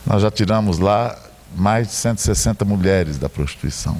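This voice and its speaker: A man's voice: lowish voice, expressive, normal speed, a little mellow, a little hiss or hum. A middle-aged man with a Brazilian Portuguese accent, preaching a sermon as a pastor and telling a story with joking asides.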